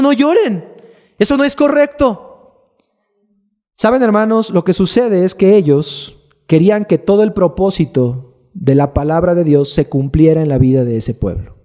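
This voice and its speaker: A man's voice: high-pitched, a little mellow. A man preaching a sermon as pastor, talking to the congregation with rhetorical questions. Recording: long hall reverb.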